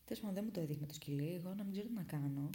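Young woman from Greece, vlogger telling her own story; low, gravelly voice, dark tone, dramatic whisper-to-burst delivery. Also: slight background noise. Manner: dramatic retelling that swings between hushed whispers and loud bursts. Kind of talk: casual storytelling.

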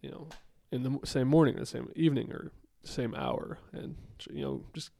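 A man's voice: medium pitch, moderate pace, creaky, warm tone, no echo. A man in his late twenties in a casual, thoughtful chat with his partner, rambling with many fillers and restarts. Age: late 20s.

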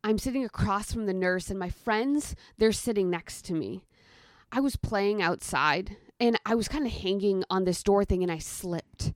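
A woman in her thirties from the United States appears as a storyteller guest, chatting casually before telling a personal story in the present tense with lively quoted voices. Her voice is mid-range at a moderate pace, with no room sound.

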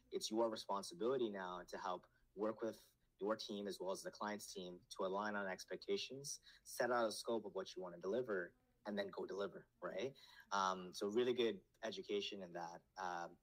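A man's voice: deep voice, a bit bright, poor audio. A man in his thirties, born in Nepal, telling his career story as a guest in a casual video-call interview, with many fillers. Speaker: business developer, guest.

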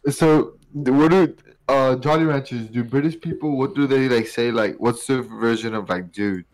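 A man's voice: mid-range voice, poor audio. A man with an ordinary, mid-range voice trades jokes on a casual podcast. He stops and starts his sentences, circling back before getting them out. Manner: halting, restarts sentences, joking. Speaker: podcast co-host.

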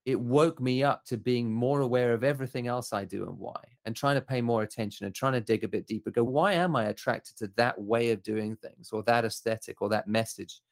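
A man's voice: medium pitch, steady tone, a little fast, hardly any pauses. A middle-aged man from Southern Africa, a photographer guest talking in a thoughtful, candid and self-questioning way. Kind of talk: reflective interview talk.

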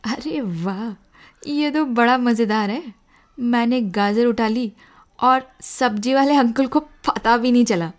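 A woman's voice: on the high side, takes it slowly. A woman voicing a cheerful, innocent little boy in a children's story. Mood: delighted.

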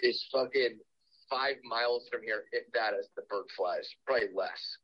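A man's voice comes through a speakerphone, slightly dull and lo-fi. He talks in a casual, laid-back way at an ordinary pitch and swears freely. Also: moderate pace, a bit bright, breathy edge. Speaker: caller. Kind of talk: casual chat. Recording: muffled speakerphone call.

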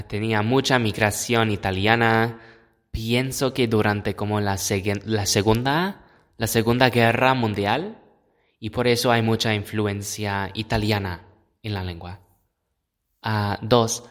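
Slow, low-voiced man hosting a podcast. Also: fairly bright tone. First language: English. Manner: hesitant, many filler "ah"s, self-deprecating. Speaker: podcast host. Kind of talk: casual educational monologue.

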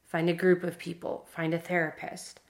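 A woman in her thirties, a podcast host, speaking directly to listeners in an earnest, encouraging personal monologue that sometimes drops to a soft whisper. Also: on the low side, monotone, normal speed. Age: 30s.

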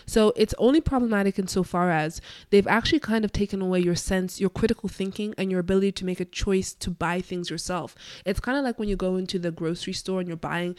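This podcast host speaks alone in a mid-range voice, conversational and explanatory, thinking her ideas through aloud while sounding nasal and stuffed up from a cold. The dry recording has studio quality.

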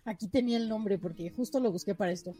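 A woman's voice: medium pitch, mellow, slightly rough, soft background music. A woman, chatting on a panel and laughing often as she tells a tech news item. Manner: laughing, chatty, quick asides. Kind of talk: casual panel chat.

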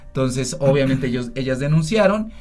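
A man's voice: medium pitch, expressive, moderate pace, a little mellow, soft background music. A man with a Mexican accent, a doctor telling his story on a panel in a sarcastic, joking way. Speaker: doctor and social media health creator. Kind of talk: panel talk, personal storytelling.

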